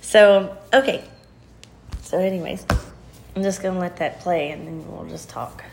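A woman's voice: fairly low pitch, unhurried, vocal fry, a little mellow, a little hiss or hum. A woman chatting casually and laughing easily during a livestreamed home Bible study. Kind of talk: casual chat.

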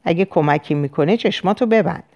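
A woman voicing a calm male psychiatrist who gently coaxes and questions his patient. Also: on the low side, lightly acted. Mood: coaxing.

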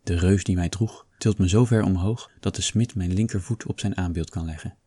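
A man narrating in a low, husky voice with a dark, mellow tone. He reads a first-person story steadily, and the close, dry recording leaves no room sound. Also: moderate pace, no echo. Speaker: audiobook reader.

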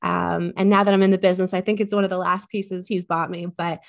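A woman's voice: on the low side, level tone, fast, vocal fry, background noise. Chatty woman guest with frequent ums. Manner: chatty, many ums, enthusiastic. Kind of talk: casual podcast interview.

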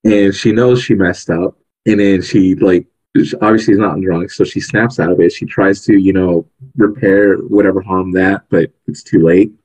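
Male podcast co-host, husky lower voice, animated casual storyteller. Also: moderate pace, hardly any pauses, rough recording. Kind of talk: casual movie review chat.

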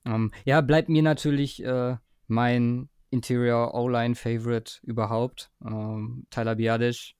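A man's voice: medium pitch, level tone, measured pace, few pauses, a little mellow, smooth, no room sound, studio quality. A man hosting a casual sports podcast, talking with many hesitations and fillers as he leads the conversation. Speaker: podcast host.

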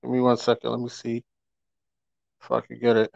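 A man's voice: medium pitch, completely flat delivery, fairly quick, creaky, a little mellow, no room sound. Emphatic man ranting on a stream. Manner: emphatic, repeats points, asks rhetorical questions. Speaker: podcast host. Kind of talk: casual live-stream rant. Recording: dry, dull lo-fi audio.

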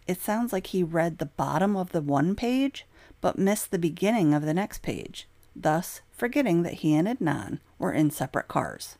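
Low-pitched woman narrator, emphatic scripted delivery, dry close sound. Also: gravelly, a little mellow, no room sound. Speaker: true crime narrator.

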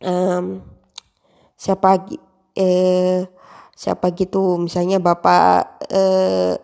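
A young woman talks in a loose, rambling way, full of fillers and restarts. Her voice is low-pitched and mellow, with a relaxed, unhurried flow. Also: gravelly. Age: young adult. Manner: rambling with many fillers, practicing emcee phrasing. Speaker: aspiring host. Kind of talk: casual monologue.

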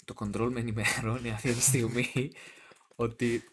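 Joking young podcast host. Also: male voice, mid-range voice, flat delivery, slight background noise. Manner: joking, teasing, talks over his partner. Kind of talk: casual chat.

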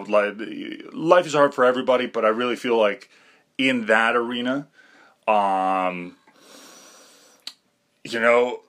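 A young man hosts a podcast, rambling through a self-deprecating monologue packed with fillers and restarts. His voice sits on the lower side and has a sharp tone.

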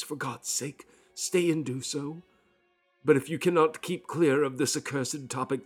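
A man's voice: on the high side, breathy edge, pitched above the performer's own voice. Man putting on a shaken, doomed old doctor. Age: older. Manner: loud, unsteady, pleading.

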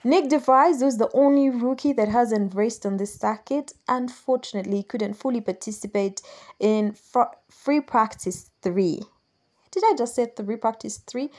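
A Ugandan woman hosts a solo podcast in a medium-pitched, slightly mellow voice. She chats and patiently explains things for newcomers, fixing her own slips along the way.

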